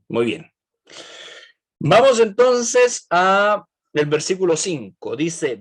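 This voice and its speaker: A man leading an online Bible study, asking the group questions and checking in with "right?". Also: high-pitched.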